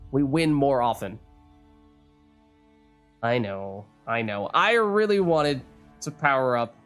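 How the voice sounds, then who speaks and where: A gaming YouTuber talks through a card game run in his let's play, his voice still a bit strained as it recovers. He sounds analytical, with lively swings in pitch.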